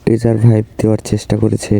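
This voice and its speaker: Gaming YouTuber, man, Bangladeshi accent, hoarse from a cold, flat and even tone, faint hiss behind. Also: fast talker. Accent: Bangladeshi Bengali. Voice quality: gravelly, low and dark. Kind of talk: casual game update commentary.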